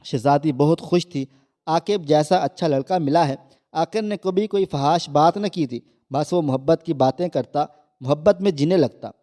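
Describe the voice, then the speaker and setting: A man tells a moral story from a script in a soft, mellow voice that sits a little high. He speaks every character's line himself, lifting his voice only slightly for the girl. The delivery stays steady narration throughout.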